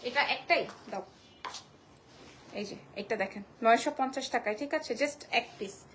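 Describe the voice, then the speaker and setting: A woman selling clothes on a live stream from a small shop, repeating prices and sizes in a quick sales patter. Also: on the high side, fairly bright tone, a little hiss or hum. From Bangladesh. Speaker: online clothing shop seller.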